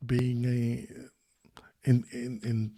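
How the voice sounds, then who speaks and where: Very slow and monotone, this former search quality analyst speaks in a mellow, mid-range voice during a video call interview. He's thoughtful, frequently restarting and using fillers.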